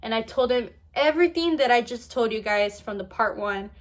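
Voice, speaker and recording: Animated young woman telling a story. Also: fairly high pitch, fairly quick. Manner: animated retelling that acts out what others said, heavy use of "like". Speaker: vlogger. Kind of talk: casual storytime to camera.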